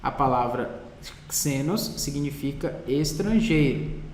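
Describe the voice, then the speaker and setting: A Brazilian man teaching a Greek lesson in a Portuguese classroom style, patient and repeating words slowly while writing on a board. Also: mid-range voice, expressive, a little mellow, slight background noise. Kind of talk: classroom lecture. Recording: roomy hall echo.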